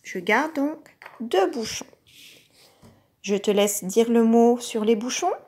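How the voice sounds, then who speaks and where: Slow, lively woman teacher. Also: on the high side. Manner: slow, clearly articulated, patient, sounding out syllables. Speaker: kindergarten teacher. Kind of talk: recorded classroom lesson for young children.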